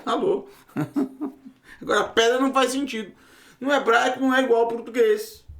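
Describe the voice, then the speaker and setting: A man's voice: sits high, a bit bright, roomy sound. A man teaching a Hebrew language lesson to his students, emphatic and full of rhetorical questions. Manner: emphatic, rhetorical questions, bursts into raised exclamations.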